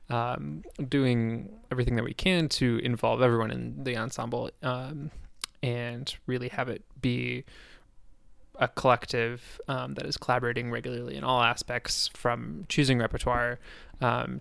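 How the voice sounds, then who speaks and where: A man's voice: mid-range voice, creaky, fairly bright tone, dry recording. A man answering interview questions as a musician guest. He speaks hesitantly, with many fillers and self-corrections.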